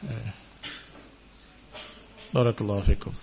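A man preaching in a religious study lecture, talking emphatically and building to forceful points. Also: on the low side, fairly even intonation, takes it slowly, vocal fry, a little hiss or hum. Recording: dull lo-fi lecture recording.

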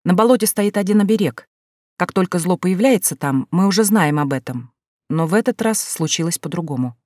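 A woman voicing a calm, sly middle-aged male sorcerer in a storybook reading, explaining at length. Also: on the low side, fairly quick, dry recording, clean studio sound. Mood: patient.

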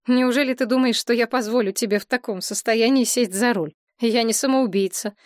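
A woman voicing a sensible young woman who talks in a brisk, exasperated way, recorded dry and close. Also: a little high, dry recording, pitched above the performer's own voice, lightly acted.

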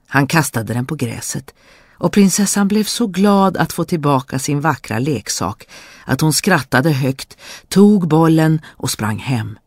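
Gravelly, husky fairy tale narrator. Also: medium pitch, no room sound, clean studio sound. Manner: measured, expressive storytelling.

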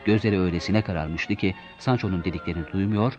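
A man's voice: low-pitched, fast. A man reading a classic tale aloud as narrator, acting out the characters' lines. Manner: acts out the dialogue with raised, shouting lines. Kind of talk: storybook reading with voiced dialogue. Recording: dull lo-fi recording with soft music.

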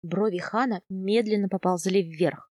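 A woman narrating a first-person novel as an audiobook, expressive and animated in the heroine's lines. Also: medium pitch, measured pace, no echo, clean studio sound.

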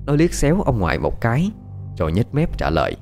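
A man narrating a ghost story in a dramatic, expressive way. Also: mid-range voice, brisk, creaky, soft background music.

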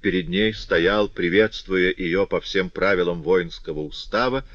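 A man narrating a classic novel in measured storytelling with a touch of dry irony. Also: low-pitched, fairly bright tone, no echo, highs cut off. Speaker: audiobook narrator.

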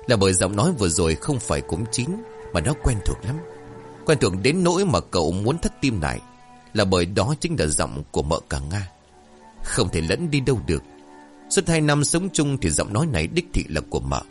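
A man narrates a horror tale with suspense, his low voice rising and falling expressively. Faint music plays under his telling. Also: big pitch swings, brisk. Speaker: storyteller.

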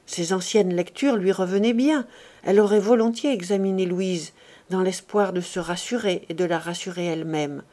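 A woman reading a classic novel aloud as an audiobook, measured and expressive. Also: on the low side. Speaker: audiobook reader.

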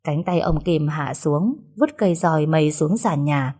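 Woman reading a story out loud, lowish voice, lively. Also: measured pace. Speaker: narrator. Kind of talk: storytelling narration.

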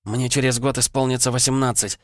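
A man voicing a frightened, pleading seventeen-year-old girl in an audiobook, speaking softly. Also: mid-range voice, flat delivery, fairly quick, dry recording, clean studio sound, pitched above the performer's own voice, natural voice. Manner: soft, pleading voice.

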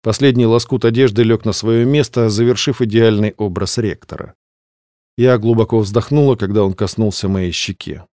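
A man reading a fantasy novel aloud as scripted narration, in a measured, steady way. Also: on the low side, clean tone, no echo, studio quality. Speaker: audiobook reader.

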